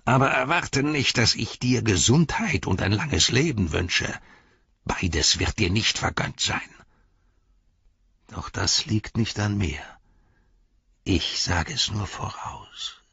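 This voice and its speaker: A man's voice: on the low side, lively intonation, gravelly, pushed and bright, breathy edge, no echo, full character voice. A man voicing a cruel, spiteful old wizard who sneers and mocks, in a dry, slightly dull recording. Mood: bitter. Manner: mocking, drawn-out, taunting.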